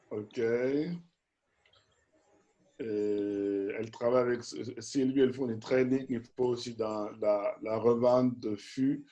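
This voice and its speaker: A man's voice: on the low side, warm tone. A man moderating a video call informally, introducing guests and passing along what they said. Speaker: webinar host and organisation president.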